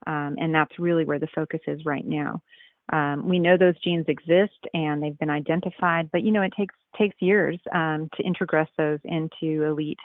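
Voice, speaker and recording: A woman's voice: low voice, no echo. Woman speaking over a tinny phone line. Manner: measured explaining with frequent ums and uhs. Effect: heard over the phone. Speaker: nematologist, interview guest. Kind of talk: radio interview answers.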